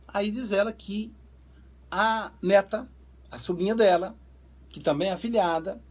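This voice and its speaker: A man, a psychoanalyst talking through family cases in a lively conversational way and acting out the quoted dialogue. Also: high-pitched, a little slow. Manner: animated storyteller, acts out quoted dialogue. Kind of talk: conversational talk on family relationships.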